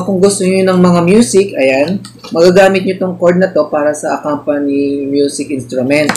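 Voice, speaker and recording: A man explains audio gear setup one step at a time, speaking slowly in a somewhat high voice. Steady hiss and room noise sit under his voice in this home recording. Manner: unhurried, explains each step while plugging in cables. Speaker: tutorial host. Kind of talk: step-by-step tech demonstration.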